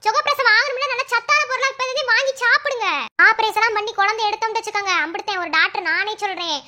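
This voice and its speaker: A woman's voice: very high voice, fast talker, exaggerated voice. A woman playing a lecturing lady doctor. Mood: advising. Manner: steady, lecturing advice. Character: calm advising female doctor. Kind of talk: amateur family skit acting.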